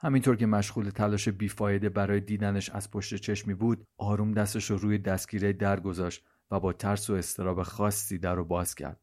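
A man reading a scripted story aloud as narrator, with a slow, measured, hushed delivery. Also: fairly low pitch, flat delivery.

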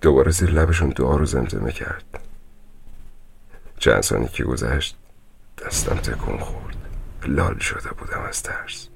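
A man playing a grim storyteller in a horror radio drama, recounting a ghost encounter in a slow, hushed voice that often drops to a whisper. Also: a bass voice, lively intonation, creaky, a little hiss or hum, exaggerated voice. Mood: dread. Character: grim older man in a hospital, warning a visitor.

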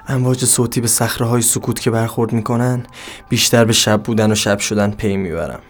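A man narrating an introspective dramatic monologue in a brooding, halting, bitter way. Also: on the low side.

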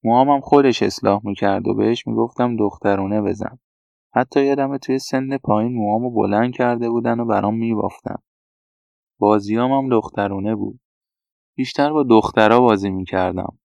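Brief: a man playing a soft young man raised by women, confessional, gravelly low tone. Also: dry recording. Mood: confiding. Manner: quiet, confessional recounting. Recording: dull, dry lo-fi recording.

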